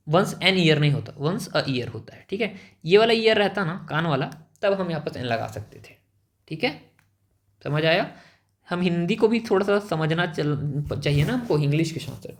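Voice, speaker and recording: A young man teaching an exam-prep grammar lesson, explaining step by step and asking quick check questions. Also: a little high.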